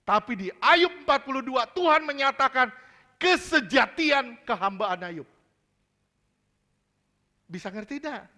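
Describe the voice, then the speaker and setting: Bright, high-voiced man preaching a sermon. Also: animated, unhurried, pauses often. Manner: emphatic, quizzes the congregation with repeated questions; mixes casual slang with preaching. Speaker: pastor. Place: church service.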